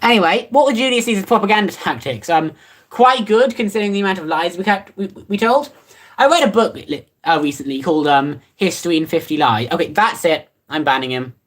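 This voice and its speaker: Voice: mid-range voice, animated, brisk, fairly bright tone. A livestreamer chatting casually and reading out viewer comments. Rambles offhand, with many fillers and restarts and a playfully sarcastic edge.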